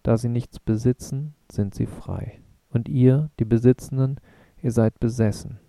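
A man's voice: mid-range voice, steady tone, a little slow, creaky, dark tone, no echo. A man reading Schewek, a brooding moon man. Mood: bitter, impassioned.

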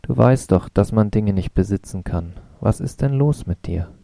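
A man voicing a sad, tall father of about thirty with a soft, unsteady way of speaking. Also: lowish voice, lively intonation, moderate pace, creaky, dry recording. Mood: sad, soothing. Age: 30s.

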